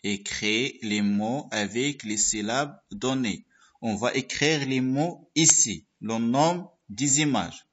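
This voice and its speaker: A man with a Moroccan accent teaching a French workbook lesson, repeating every word and syllable slowly, and now and then explaining in Moroccan Arabic. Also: mid-range voice, fairly bright tone, muffled recording.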